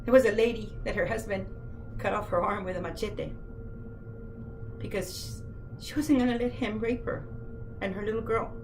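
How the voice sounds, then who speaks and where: A woman's voice: medium pitch, steady tone, moderate pace, long pauses, darkish tone, slight background noise, rough recording. A woman speaking earnestly to camera about her work, impassioned and emotional, often asking listeners direct questions. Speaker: author and former detention center worker.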